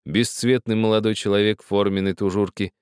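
A man narrating a story as an audiobook reader, with expressive, measured storytelling. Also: lowish voice, clear, resonant tone, dry recording, studio quality. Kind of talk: scripted narration.

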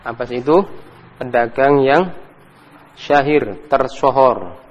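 A man's voice: medium pitch, takes it slowly, lo-fi sound. A man teaching an Arabic grammar lesson, patiently correcting students and praising them often. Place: mosque study hall. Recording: long hall reverb.

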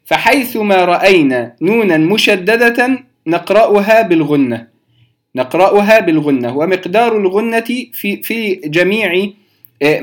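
A man explaining recitation rules to beginners, patient and direct with his listeners, repeating key terms slowly. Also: high-pitched. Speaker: Quran recitation teacher.

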